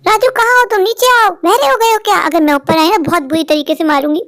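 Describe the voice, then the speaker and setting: A harsh, curt young mother in a cartoon tale, voiced by a woman. She scolds sharply, in a high voice. The sound is dry and close. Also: fairly even intonation, fast talker, fairly bright tone, dry recording. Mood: scolding. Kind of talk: dubbed Hindi cartoon story.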